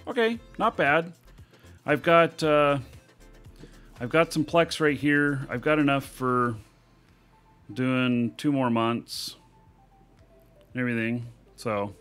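A man hosts a live gameplay stream, chatting casually, rambling along and laughing at himself. He speaks slowly with long pauses in a medium-pitched, slightly bright, clear and resonant voice, with faint music in the background.

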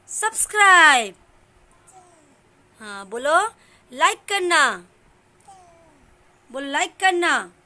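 A woman with a high, bright voice gently quizzes a small child for a home vlog. She speaks slowly and coaxingly, prompting each word in a sing-song way and praising every answer. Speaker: family vlogger. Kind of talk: teaching a toddler on camera.

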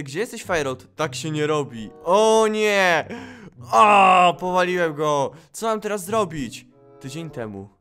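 A man giving excitable gameplay commentary, exclaiming and laughing as he reacts to the game. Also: high-pitched. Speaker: gaming YouTuber.

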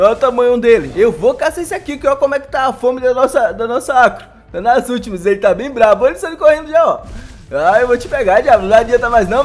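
A Brazilian man giving casual gameplay commentary, excitable and often laughing, talking straight to his viewers. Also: very high voice. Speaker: gaming YouTuber.

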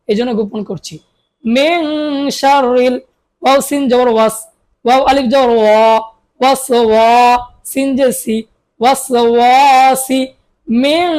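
A woman with a Bangladeshi Bengali accent teaches Quran reading in a spelling-out recitation lesson, slowly drawing out syllables and answering her own questions. Her voice is a little high with a darkish tone.

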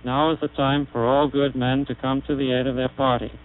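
A man shows off an early speech synthesizer in a technical demonstration, reciting test sentences in a measured, explanatory manner. His mid-range voice barely moves in pitch and comes out buzzy and synthetic through a vocoder. The tinny 1930s archival recording carries mains hum.

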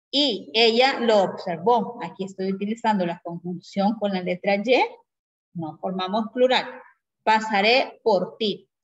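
A woman teacher giving a grammar lesson who explains patiently and keeps checking in with her class through quick tag questions. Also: medium pitch. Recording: dull lo-fi recording.

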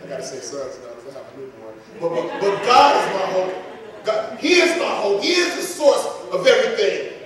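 A man's voice: high voice, big pitch swings, normal speed, crowd noise. A man preaching a sermon, fervent and repetitive, with casual asides to the congregation. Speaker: pastor. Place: church sanctuary. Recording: echoey hall from far off.

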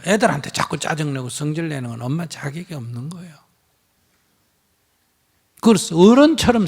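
A man's voice: fairly high pitch, creaky, husky. A man with a Gyeongsang accent, a Buddhist monk answering questions in a live teaching, blunt and emphatic, acting out bits of dialogue. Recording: hall reverb.

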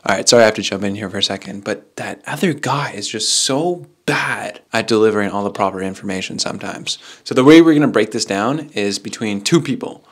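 A man's voice: on the low side, a little fast, few pauses, breathy edge. Joking young man vlogging on a ski trip. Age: 20s. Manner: joking, upbeat, swears casually. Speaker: vlogger and host. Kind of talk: casual vlog narration to camera. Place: ski hill outdoors and indoor lodge rooms. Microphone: handheld action camera at arm's length.

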